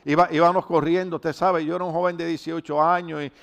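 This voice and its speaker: A middle-aged man from Rico, preaching a conversational sermon in a lively, rambling storytelling way with rhetorical questions. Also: a little high, fast talker, gravelly. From Puerto Rico. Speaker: pastor.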